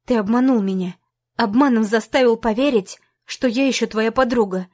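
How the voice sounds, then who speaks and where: A woman's voice: fairly high pitch, moderate pace, darkish tone, close to an everyday voice. A woman reading an audiobook, voicing a furious young woman who hurls angry accusations at her ex.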